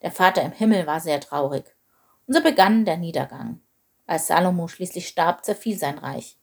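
A woman's voice: fairly low pitch, expressive, normal speed, vocal fry, breathy edge. Woman reading a children's Bible story. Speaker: narrator.

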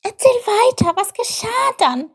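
Woman voicing a high, squeaky, impatient little male critter for a storybook, lively pitch. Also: measured pace, exaggerated voice. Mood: excited. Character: small eager curious young male creature.

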